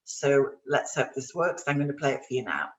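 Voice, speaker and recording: A woman's voice: rumbling low, very animated, a little fast, recorded from a distance, rough recording. A woman career coach giving an online workshop, speaking in an upbeat, encouraging way directly to her audience. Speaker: career coach and webinar presenter.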